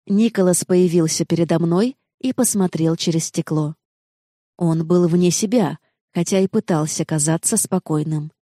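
A woman giving a steady, expressive first-person reading of a novel. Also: fairly low pitch, normal speed, no echo, clean studio sound. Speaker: narrator. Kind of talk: first-person audiobook narration.

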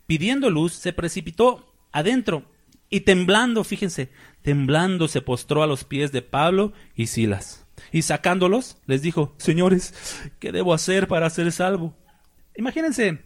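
Animated preacher man. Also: fairly high pitch. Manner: animated, rhetorical questions, acts out scenes. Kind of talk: sermon.

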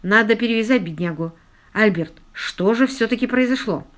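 A woman's voice: fairly high pitch, moderate pace, natural voice. A woman voicing a stern, precise male doctor who questions like a prosecutor, in an audiobook.

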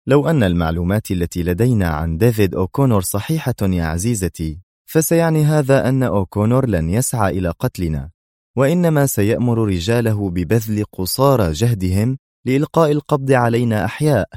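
A cool secret agent hero with a mocking, unhurried way of speaking, as a male reader puts him on. He sounds amused and in control, never raising his voice. The voice sits fairly low and close, with a dry sound. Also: dry recording, natural voice. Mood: calm sarcastic. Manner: mocking, calm, smug.

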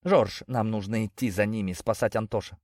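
A man's voice: fairly low pitch, steady tone, moderate pace, darkish tone, no room sound, clean studio sound, lightly acted. A man voicing a plucky young wife. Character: young adult woman, the narrator's wife, plucky and teasing.

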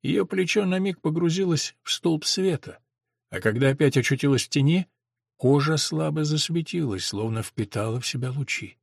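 A man narrates a dark story in a tense, dramatic read. His voice is husky and sits fairly high. The recording is dry and close. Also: lively intonation, moderate pace, no echo. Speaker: audiobook narrator. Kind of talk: scripted narration.

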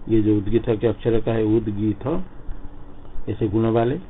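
A man teaching scripture as a lecture. He recites each verse slowly and then explains it word by word. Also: lowish voice, level tone. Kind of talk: line-by-line scripture commentary lecture. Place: ashram classroom. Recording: phone-like lo-fi recording with faint noise.

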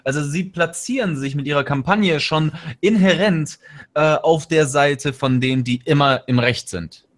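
A man's voice: a little high, normal speed. A man co-hosting a casual political chat show, talking sarcastically with many fillers. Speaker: podcast co-host.

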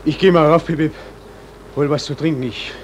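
An actor playing an uneasy, weary stoker in a radio drama, speaking in short, halting phrases. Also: male voice, on the high side, fairly even intonation, slightly rough.

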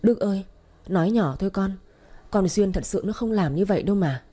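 A woman voicing a soft, pleading elderly mother who is close to tears in an audio story. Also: medium pitch, animated, brisk, lightly acted. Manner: pleading, tearful.

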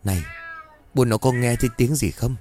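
A man doing a gruff, blustering old landlord. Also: mid-range voice, moderate pace, over music, lightly acted. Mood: uneasy.

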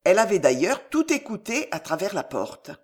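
Brief: woman narrator, dramatic audiobook read, lively melody. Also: mid-range voice, moderate pace. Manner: expressive, dramatic. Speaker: audiobook reader. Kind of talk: scripted narration.

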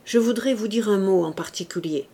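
Woman voicing Jean Valjean, a grave hushed man. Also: mid-range voice, husky. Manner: quiet, measured, pleading softly. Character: grave, restrained male ex-convict, calm and low. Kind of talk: audiobook reading.

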